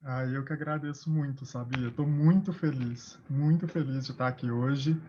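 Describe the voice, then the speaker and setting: Gentle man on a muffled video call. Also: mid-range voice, steady tone, normal speed. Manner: gentle and grateful. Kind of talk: casual chat on a video call. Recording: dull, muffled sound.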